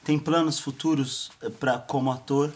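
A man interviewing a guest in casual chat, relaxed and joking. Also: medium pitch, normal speed, husky.

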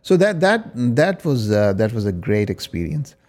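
A middle-aged man with a Pakistani accent and a slightly low voice. He talks as an interview guest, looking back in a casual, conversational way. He switches between two languages and often pauses to seek agreement. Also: sing-song, darkish tone. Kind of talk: casual reminiscing, mixing English and Urdu.

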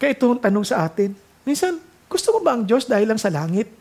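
A woman with a Filipino accent preaching a sermon, switching freely between English and Tagalog, reading scripture slowly and building to heartfelt, emotional high points. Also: very animated, darkish tone, breathy edge. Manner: earnest, reads scripture slowly and rises to emotional peaks.

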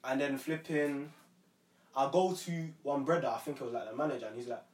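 A man's voice: mid-range voice, steady tone, brisk. A young man with a London roadman accent, telling stories casually in slangy, rambling talk. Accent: London roadman, multicultural urban slang. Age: young adult. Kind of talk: casual banter and storytelling. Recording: roomy, distant mic, faint background noise.

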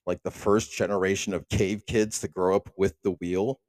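A man's voice: deep voice, fairly even intonation, normal speed, darkish tone, no room sound. A man in his thirties hosting a solo podcast, delivering a profane, rambling rant full of restarts. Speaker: podcast host. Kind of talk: casual solo monologue.

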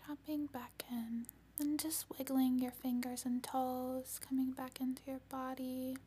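A woman leading an ASMR-style guided healing meditation in a serene, soothing voice, breathy and often whispered. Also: high voice, little pitch movement. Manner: serene, soothing, slow and gentle delivery.

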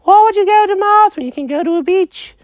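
A storyteller voicing an anxious, excitable male cat who fires off worried questions. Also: extremely high pitch, dry recording, highs cut off, voice pushed up. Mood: delighted. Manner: fretful, asks rapid worried questions. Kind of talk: storytelling with character voices.

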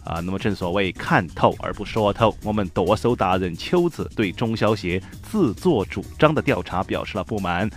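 一位带四川口音的男主持人，用口语化、调侃式的新闻播报腔讲幽默时事评论。. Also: male voice, lowish voice, expressive, normal speed, hardly any pauses, faint music behind. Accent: Sichuan. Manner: colloquial, joking, mock-newscaster delivery. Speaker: host of a comic news show. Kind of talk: humorous news commentary in Sichuan dialect.

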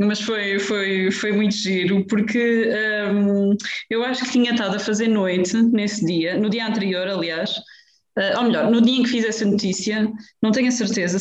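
A woman journalist with a European Portuguese accent chats in a casual radio interview, rambling and hesitating with many restarts. Her mid-range voice comes through reverberant and muffled.

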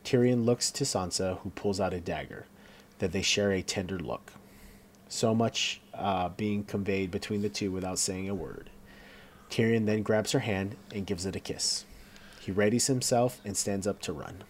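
A man's voice: on the low side, moderate pace, a little hiss or hum. A man giving a casual scene-by-scene recap of a TV episode, reading along with fillers and stumbles. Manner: reads along with fillers and self-corrections.

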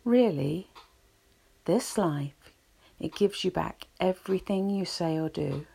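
A woman guiding a relaxation session in a slow, soothing, reflective way. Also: lowish voice, lively intonation, gravelly, warm tone, breathy edge. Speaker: relaxation guide. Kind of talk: guided relaxation talk.

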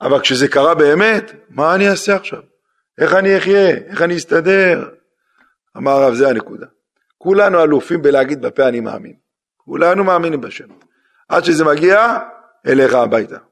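A man's voice: medium pitch, creaky. A man, a rabbi, giving a sermon that tells a story through acted-out dialogue and questions to the listeners. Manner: acts out dialogue in a story, lively questions to the audience.

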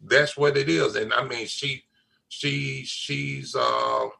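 A man's voice: medium pitch, fairly even intonation, takes it slowly, vocal fry, sharp tone. An older man, talking in a casual family chat, emphatic and repeating his key phrases. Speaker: father on a family talk show.

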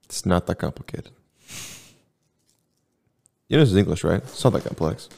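Man, very low voice, laid-back rambling podcast chat. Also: expressive, moderate pace, creaky, a little mellow. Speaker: podcast host. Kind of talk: casual chat.

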